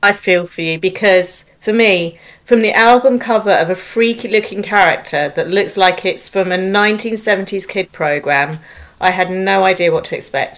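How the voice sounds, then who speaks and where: Measured woman reading her review. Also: lowish voice, fairly bright tone. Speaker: panelist reviewer. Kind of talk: prepared album review.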